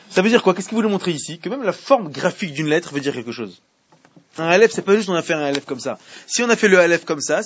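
This Torah teacher's voice is on the high side, with a little hiss or hum in the muffled lo-fi classroom audio. He teaches in French, reads passages in Hebrew, and keeps putting questions to his students while repeating his explanations.

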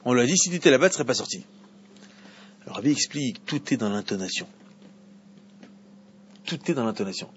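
A man teaching an evening Torah class to a small group, animated, with bursts of emphatic preaching. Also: fairly quick, pauses often. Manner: animated, rises to emphatic high preaching at key points, interacts with listeners. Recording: dull lo-fi recording with faint background noise.

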